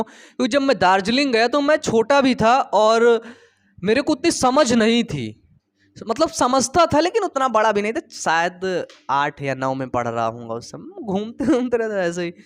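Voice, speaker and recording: A young male biology teacher with a high-pitched voice talks through the lesson in a loose, conversational way. He keeps asking questions and answering them himself, and he slips personal stories in between the facts. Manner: chatty, storytelling, asks and answers his own questions. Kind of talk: casual Hindi lecture.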